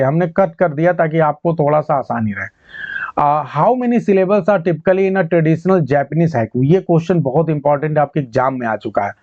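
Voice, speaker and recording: A man's voice: on the high side, darkish tone, no echo. Man teaching an exam-prep lecture. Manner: explanatory, repeats key points, quizzes students. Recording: dull muffled lo-fi sound.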